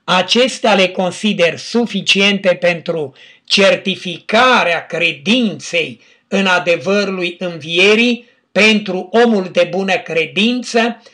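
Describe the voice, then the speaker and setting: A man preaching, reading scripture aloud and citing chapter and verse in a measured teaching manner. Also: sits high, bright, forceful tone.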